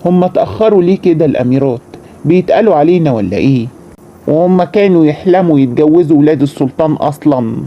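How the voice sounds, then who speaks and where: A man's voice: fairly high pitch, expressive, quick pace, dull audio, lightly acted. An actor playing an annoyed, arrogant young groom who mocks his bride, speaking with an Egyptian accent. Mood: irritated. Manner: irritated, mocking.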